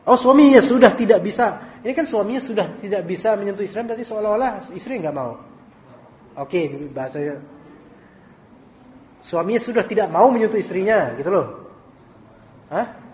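A man's voice: sits high, expressive, normal speed, long pauses, a little mellow. A man teaching a religious study circle, reading out questions and answering them in a casual, joking way. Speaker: Islamic teacher. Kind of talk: recorded study-circle lecture with Q&A. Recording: dull lo-fi audio with faint hiss.

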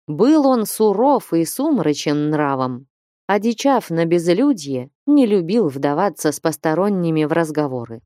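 Женщина читает аудиокнигу выразительно. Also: female voice, low voice, very animated, measured pace, dark tone, no echo, clean studio sound. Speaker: narrator. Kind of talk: audiobook reading of classic prose.

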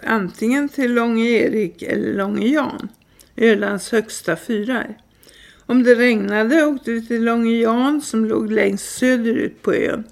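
Woman reading a memoir out loud, calm and steady, voice a little on the high side. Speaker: reader.

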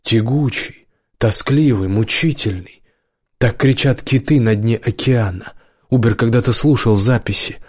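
A man narrating an audiobook in a measured storytelling manner on a close studio mic. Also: mid-range voice, breathy edge, no room sound. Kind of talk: scripted narration.

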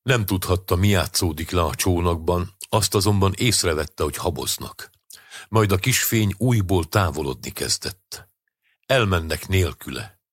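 A man reading a short story aloud as an audiobook narrator, in a steady, measured way. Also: deep voice, breathy edge, no echo, studio quality.

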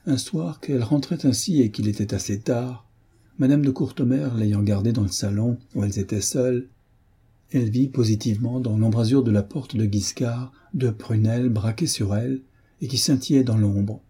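Guy reading an old novel out loud, super husky and dark, takes his time. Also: mid-range voice, normal speed. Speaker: audiobook narrator. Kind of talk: scripted narration of a novel.

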